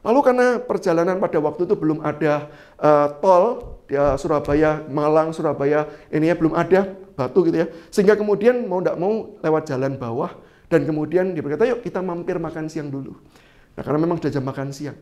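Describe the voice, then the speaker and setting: Animated storytelling preacher, man. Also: a little high, fairly quick. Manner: animated storyteller, acting out the people in his story. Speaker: evangelist preaching. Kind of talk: sermon storytelling. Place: church online service.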